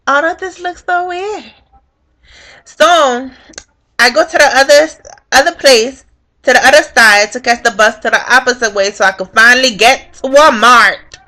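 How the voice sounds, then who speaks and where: Young woman vlogger, unhurried and bright-toned, cursing as she tells a story and plays out every quote. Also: fairly high pitch. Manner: animated, profane storytelling, acting out quotes. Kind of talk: casual storytime vlog.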